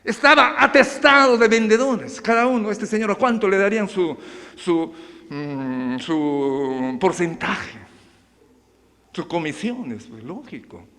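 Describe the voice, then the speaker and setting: Animated preacher, high and echoey. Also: male voice, slow. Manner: animated, keeps addressing the congregation as brothers. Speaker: pastor. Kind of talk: sermon. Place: church.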